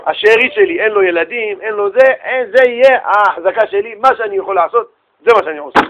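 A generous, decisive rich man, as a man plays him speaks firmly and reassuringly. His voice sits fairly high for a man and stays insistent. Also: a bit bright, muffled recording, slight background noise.

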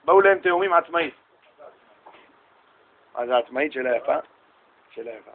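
A middle-aged man from Israel giving a lively storytelling sermon as a rabbi, acting out voices and bantering with his listeners. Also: a little high, narrow, tinny audio. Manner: animated, acts out voices and shouts in stories, banters with listeners. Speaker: rabbi giving a Torah lesson.

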